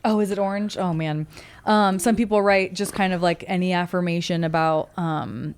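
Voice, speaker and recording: A woman's voice: fairly low pitch, fairly even intonation, normal speed, clean tone. Bubbly young woman hosting a podcast. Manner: bubbly and giggly, with frequent fillers. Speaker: podcast host. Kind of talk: casual podcast interview.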